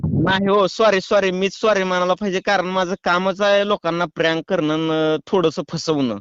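A man on a prank phone call talks calmly and teasingly in a put-on official tone. His voice is high and smooth, and the muffled line sounds dry and close. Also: normal speed, no echo. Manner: calm, teasing, mock-official. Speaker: prank caller.

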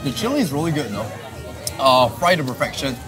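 A man's voice: mid-range voice, very animated, fairly quick, over music. A man hosting a food vlog, chatting eagerly as he tastes dishes at an outdoor night market. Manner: enthusiastic, chatty while eating. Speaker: food vlogger host. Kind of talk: casual food vlog chat.

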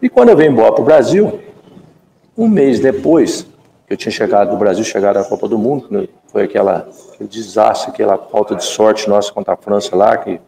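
A man from Brazil in his fifties, a former footballer and guest in a live chat, telling a story in an animated way and acting out the dialogue. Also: lowish voice, vocal fry. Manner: animated storyteller who acts out quoted dialogue. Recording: echoey room with long reverb.

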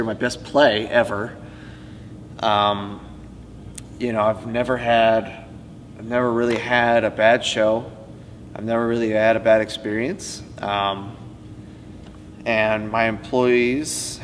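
A young man in his late teens, a student stage tech, telling stories in a casual interview, full of "like" and "you know," in an empty school auditorium. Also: on the low side. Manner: rambling, heavy use of "like" and "you know". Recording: reverberant auditorium, faint hum.

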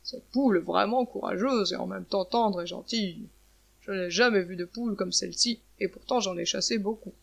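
A woman voicing a feared male eagle who turns gentle and reassuring, in a storybook tale. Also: medium pitch, normal speed, creaky. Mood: musing. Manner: calm and reassuring. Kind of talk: storybook narration.

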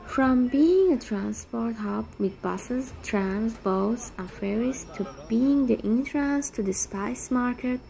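A woman hosting a walking tour video, reading a scripted travel narration in an even, gentle manner as a voice-over. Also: a little high, slow, creaky, hardly any pauses, rough recording. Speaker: walking tour vlog host.

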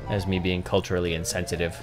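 A man co-hosting a casual let's play at a desk microphone, joking around with playful loud outbursts. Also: low-pitched, little pitch movement, fast talker, faint music behind. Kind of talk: casual gameplay commentary.

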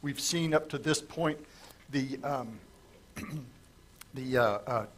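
A middle-aged pastor gives a conversational, verse-by-verse Bible-study sermon from a lectern microphone in a church sanctuary, asking the congregation questions. His mid-range voice is slow and giving out, and he coughs as he loses it.

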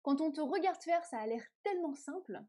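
A woman co-hosts a live stream with easy, slangy enthusiasm. Her voice sits high but has a soft, mellow tone. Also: expressive, fairly quick. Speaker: co-host. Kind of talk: casual live stream chat.

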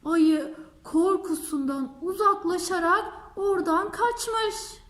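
A woman telling a fairy tale to children as a storyteller, at an unhurried pace. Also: very high-pitched. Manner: slow, warm-paced storytelling. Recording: echoey room.

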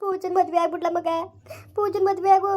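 Woman doing a pleading village mother, very high voice, flat pitch, rapid speech. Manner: pleading, scolding. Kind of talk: village family drama acting.

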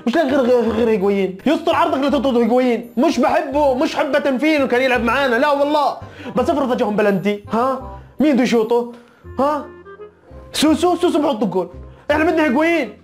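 A man doing casual football chat as a YouTuber, teasing and mock-scolding in an animated way. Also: very high-pitched, fast talker, soft background music. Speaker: football YouTuber reacting to results.

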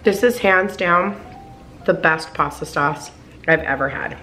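A woman's voice: fairly low pitch, measured pace, bright, forceful tone, soft background music. A woman in her thirties chatting her way through a home cooking video, gushing over the food and filling her talk with "like" and "oh my goodness.". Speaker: cooking vlogger. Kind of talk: casual cook-along narration. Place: home kitchen, indoors.

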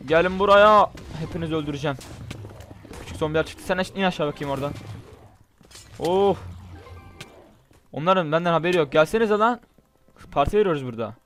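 Excitable young man narrating gameplay. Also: fairly high pitch, fast talker, long pauses, a little hiss or hum. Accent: Turkish. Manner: chatty, excitable, talks to viewers as "guys" and "bro". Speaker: gaming YouTuber. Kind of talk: casual gameplay commentary. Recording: faint game music behind.

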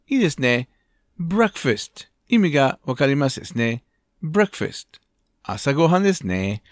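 A man leads a children's English lesson with slow, careful delivery, spelling out each word letter by letter. His voice sits a little high and moves around a lot in pitch. The sound is dry and close, with no room echo. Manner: switches between English and Japanese. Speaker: English teacher.

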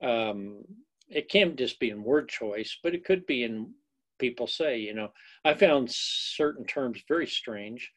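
A man's voice: medium pitch, lively intonation, measured pace, fairly bright tone. A man giving a recorded course lecture as an instructor, rambling and folksy, with many fillers and self-deprecating asides.

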